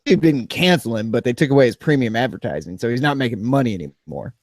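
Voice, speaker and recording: A podcast co-host talks fast and sarcastically, rambling and swinging between flat and animated. His pitch is medium, and there's no room sound.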